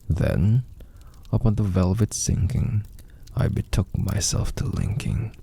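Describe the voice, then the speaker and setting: A man recites gothic verse in a very low, husky voice that often sinks toward breath. His delivery is theatrical and brooding, swinging widely in pitch and drawing out key words with a gravelly rasp. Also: dark tone. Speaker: poetry reader. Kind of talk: dramatic gothic poetry recitation.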